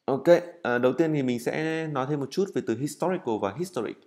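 Man, English teacher, recorded lesson, drills words slowly, fillers and restarts. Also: mid-range voice, a little mellow. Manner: explains step by step, writing on a board; frequent fillers and self-corrections.

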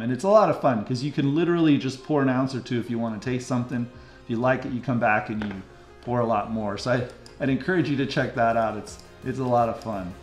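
Speaking in a reverberant indoor room, a middle-aged American man with a mid-range voice gives a casual, chatty map-tour commentary like a local real estate host, captured as a screen recording with webcam.

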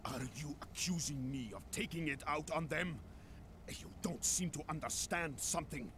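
A man's voice: fairly high pitch, normal speed, fairly bright tone, a little hiss or hum, close to an everyday voice. An actor playing a wounded male soldier in a video game, speaking in a fake Russian accent with a grim, weary manner. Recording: game audio with music behind.

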